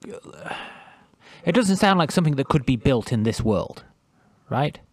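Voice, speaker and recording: A man's voice: mid-range voice, very animated, slow pace. A man co-hosting a casual book podcast, easygoing and agreeable, often asking questions. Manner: agreeable, lots of yeahs, asks questions. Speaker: podcast co-host. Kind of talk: casual book discussion chat.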